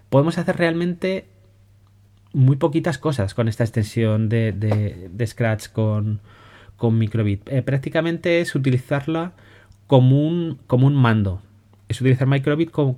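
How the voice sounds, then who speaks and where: A man with a Spain Spanish accent talks through educational software on his podcast. His delivery is loose and conversational, with frequent restarts and a habit of checking in with listeners. His pitch sits in an ordinary middle range. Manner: relaxed, conversational, many restarts and "¿vale?" checks. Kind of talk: casual spoken explainer.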